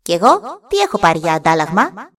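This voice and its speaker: A woman's voice: on the low side, wildly swooping pitch. A woman voicing an invisible male servant spirit who speaks sweetly and coaxingly in a storybook reading. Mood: plaintive.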